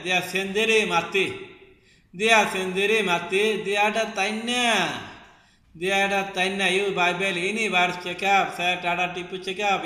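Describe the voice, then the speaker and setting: A man argues a religious point with combative, repetitive insistence, drifting into a half-sung tone when he quotes lines. His voice sits high and bright, and he speaks slowly. A long hall reverb echoes around him. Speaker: religious preacher. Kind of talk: heated religious argument.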